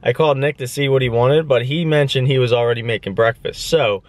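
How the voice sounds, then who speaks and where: A man's voice: medium pitch, a little fast. A man in his twenties talking to the camera in a casual, upbeat and rambling vlog. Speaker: vlogger.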